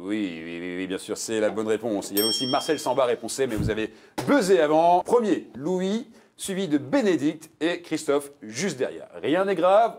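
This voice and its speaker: Against a noisy background, a man with a fairly high voice hosts a TV quiz show. He banters jokingly with contestants and reads the multiple-choice answers with lively emphasis.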